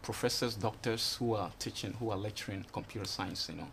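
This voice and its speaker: This young man from Ghana, in his twenties, speaks fairly quickly in a low-ish, gravelly voice with a fairly bright tone. As an interview guest on a TV studio set, he rambles with frequent "you know" and "you understand," over slight background noise.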